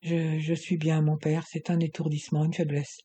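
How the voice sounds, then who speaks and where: A frightened young woman speaking faintly, barely above a breath, as a male narrator puts her on. The tone is soft, husky and dark. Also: fairly high pitch, flat delivery, a little fast, natural voice. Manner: faint, breathy near-whisper.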